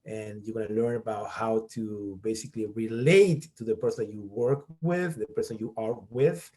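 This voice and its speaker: This is an online workshop presentation by a middle-aged college professor from Peru, who explains things one step at a time and keeps checking in with "okay?". He speaks at a medium pitch with a darkish tone.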